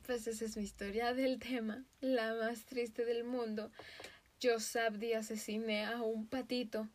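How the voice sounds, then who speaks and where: A woman with a Mexican Spanish accent, hosting a podcast and telling a story in a casual, animated way, often breaking into laughter. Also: a little high, unhurried, a little hiss or hum. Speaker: podcast host.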